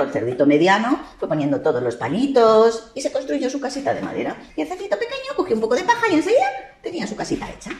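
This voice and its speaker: A woman tells a children's story quickly and playfully, asking the child questions. Her voice swings widely and sits fairly high. The room around her is echoey. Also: darkish tone.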